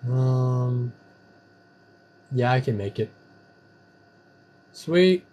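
A man's voice: mid-range voice, lively intonation, unhurried, a little mellow. A man giving casual, playful commentary while playing an online game, breaking into sing-song chants and silly catchphrases. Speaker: gamer streamer.

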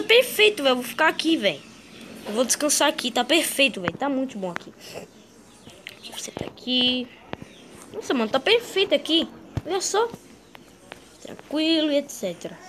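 A woman's voice: high-pitched, very animated, normal speed, pauses often, a bit bright, slight background noise. Woman playing a chatty young green dinosaur. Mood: resting. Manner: chatty, slangy, talks to itself. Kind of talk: in-character game role-play.

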